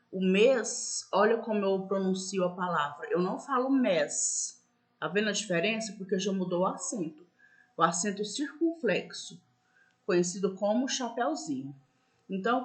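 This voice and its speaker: A woman's voice: medium pitch, fairly bright tone. Patient woman teaching schoolchildren. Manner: patient, repetitive, checks in with "né?"; stresses example words slowly. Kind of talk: school lesson explaining accents.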